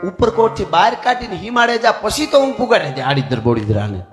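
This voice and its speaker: A man's voice: high-pitched, very animated, a little fast, music in the background. A man voicing devoted maidservant Valbai. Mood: urging. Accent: Kathiawadi Gujarati. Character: loyal palace maidservant woman, devoted and fierce.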